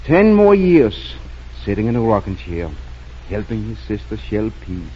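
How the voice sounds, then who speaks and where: An actor playing a kindly, gently humorous small-town family doctor in a 1940s radio drama. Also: male voice, on the low side, sing-song, a little slow, husky, full character voice. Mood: regretful, pondering. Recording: dull, noisy 1940s radio recording.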